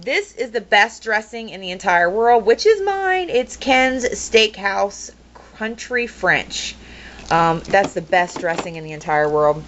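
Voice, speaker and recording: A woman's voice: medium pitch, measured pace, a bit bright. A young woman giving a casual, rambling home tour, full of ums and blunt opinions. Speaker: vlogger. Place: kitchen at home. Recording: dull lo-fi home video with noise.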